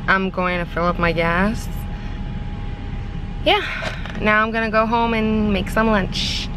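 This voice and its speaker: A woman's voice: medium pitch, fairly even intonation, slow, background noise. A young woman talking casually to a handheld camera as she vlogs her day, rambling with lots of fillers. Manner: chatty, rambling, many "like" and "um" fillers. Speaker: vlogger. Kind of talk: casual daily vlog narration.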